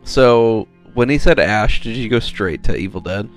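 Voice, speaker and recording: A man's voice: fairly low pitch, lively intonation, normal speed, faint music behind. A man co-hosting a podcast, joking and swearing sarcastically as he riffs on a movie. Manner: profane, sarcastic, jokey. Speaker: podcast co-host. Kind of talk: casual chat, joking movie commentary.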